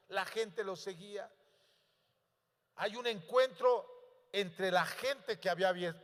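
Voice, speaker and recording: High, bright-voiced preaching man in a reverberant church. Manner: preaching with swelling emphasis and rhetorical questions to the congregation. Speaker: pastor. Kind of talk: sermon. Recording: long church hall reverb.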